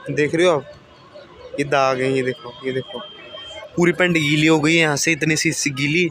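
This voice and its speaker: A young man with a hoarse voice, chatting casually and tiredly to the camera in a daily vlog. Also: a little high, steady tone, moderate pace, a bit bright, slight background noise. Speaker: vlogger. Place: outdoors then at home.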